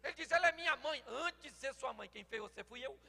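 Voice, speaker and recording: Brazilian man in his sixties, pastor, lively storytelling sermon, gravelly voice, long hall echo. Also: extremely high pitch, brisk. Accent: Brazilian Portuguese. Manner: animated storytelling, acts out dialogues, bursts into shouting. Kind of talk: humorous sermon.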